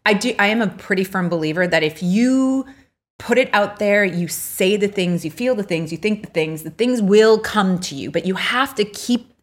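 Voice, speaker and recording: A woman's voice: mid-range voice, animated, normal speed. A woman in her forties co-hosting a podcast with her husband, talking in a chatty, earnest way with lots of fillers. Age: 40s. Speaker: podcast co-host. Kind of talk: casual chat.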